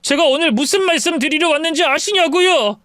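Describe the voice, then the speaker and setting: A drunk, self-pitying young husband whines and pleads, as a man voices him in a high, slurred, drawn-out voice. The sound is dry and close, with no room around it. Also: lively intonation, sharp tone, no room sound, exaggerated voice. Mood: tearful pleading.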